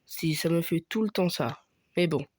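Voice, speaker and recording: A man's voice: a little high, moderate pace. Young man hesitantly narrating a game. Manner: hesitant, many fillers, thinking aloud while playing. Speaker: gaming youtuber. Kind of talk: casual gameplay commentary.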